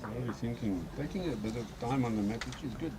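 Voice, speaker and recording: A man's voice: mid-range voice, fast, background noise. A man with a South African Afrikaans accent, giving casual live commentary and asking questions as an interviewer.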